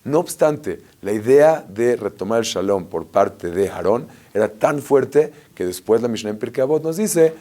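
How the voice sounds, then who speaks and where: A rabbi giving a lively Torah lesson, telling stories and asking rhetorical questions. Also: male voice, mid-range voice, normal speed, hardly any pauses. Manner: animated storyteller, asks rhetorical questions.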